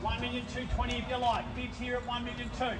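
A man's voice: very high-pitched, monotone, quick pace. A middle-aged man working as an auctioneer outdoors, calling out bids, repeating the figure and pressing the buyers to bid. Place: outdoors on a suburban street lawn with a crowd. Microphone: far camera, no mic. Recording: distant voice, loud outdoor noise.

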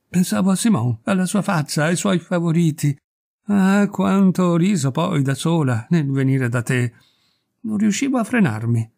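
A man reading aloud voices a scheming noblewoman who confides a secret in a hushed, savoring way. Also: a little high, vocal fry. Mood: gleeful. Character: scheming gossiping noblewoman, gleeful, conspiratorial.

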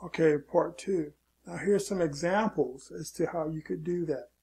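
A man's voice: on the high side, normal speed, gravelly, dark tone, breathy edge. A man teaching an online marketing lesson in a loose, casual way, often saying "okay" and repeating his warnings. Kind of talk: casual screen-share tutorial.

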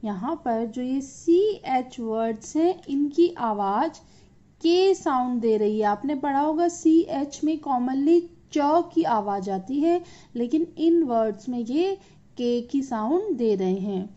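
Woman, Indian accent, teacher, very slow, deliberate, mixes English and Hindi, dull lo-fi sound. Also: high-pitched, animated, warm tone. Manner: slow, deliberate reading aloud for kids; switches between English and Hindi. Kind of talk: children's English lesson.

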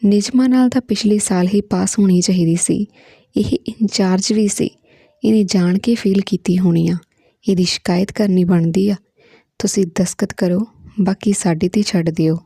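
A woman's voice: mid-range voice, steady tone, moderate pace, warm tone, slightly rough, no echo. A woman reading the lines of a pushy teacher who insists and persuades. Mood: insistent. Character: pushy teacher pressing for a complaint.

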